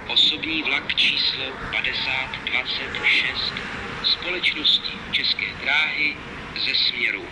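A man making formal, measured, pre-recorded railway announcements in segmented phrases over a station public address system. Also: mid-range voice. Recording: noisy station loudspeaker recording.

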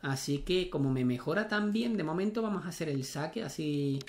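A young gaming streamer chats casually while playing a tennis video game, thinking aloud and swearing whenever he misses. His voice is fairly high with lively intonation, and he talks fairly quickly.

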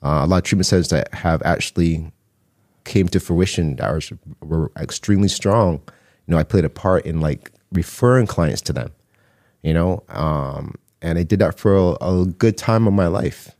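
In a low, slightly mellow voice at a moderate pace, a middle-aged Barbadian man tells his story conversationally. He's a guest on a podcast, a mental health counselor and artist, recorded close on a boom-arm studio mic in a small indoor studio without echo.

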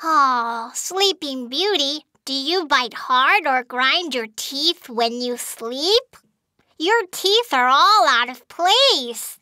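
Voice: high-pitched, expressive, takes it slowly, bright, forceful tone, dry recording, clean studio sound, exaggerated voice. A performer voicing a cheerful young baby shark dentist in a preschool cartoon, speaking simply and reassuringly. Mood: reassuring, instructive. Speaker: cartoon doctor character. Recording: music under the voice.

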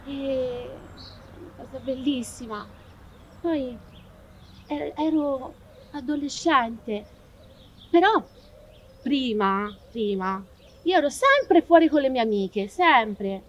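Woman playing a dreamy young painter, high voice, slow hesitant speech, muffled sound, faint hiss. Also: lively intonation. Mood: nostalgic. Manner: hesitant, reminiscing. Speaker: actress in a short film. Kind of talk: amateur theatre acting.

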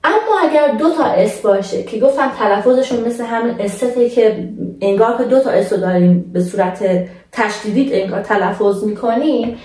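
A young woman teaching a language lesson in a patient, casual way, slowing down to model words for her viewers. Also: on the high side, darkish tone, roomy sound, far from the mic.

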